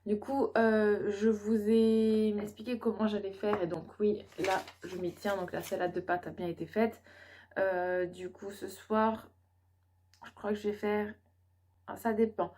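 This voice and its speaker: A woman's voice: mid-range voice, little pitch movement, measured pace, mellow, a little hiss or hum. Tired young french woman vlogging, lots of euh and restarts, just chatting about her day. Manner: rambling, many fillers and restarts. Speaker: vlogger, student mother. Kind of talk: casual vlog chat.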